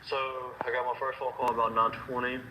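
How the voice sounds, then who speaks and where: A man recounting a night's events in a halting way, repeating himself and quoting others. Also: mid-range voice, little pitch movement. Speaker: person recounting events in a recorded interview. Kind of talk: recounted testimony. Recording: dull lo-fi clip with background noise.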